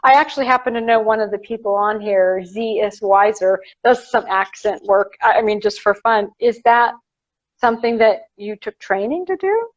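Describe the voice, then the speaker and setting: A woman's voice: mid-range voice, moderate pace. Woman author hosting, dull lo-fi sound. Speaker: author hosting a live stream. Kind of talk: casual live-stream interview. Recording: dull lo-fi live-stream audio.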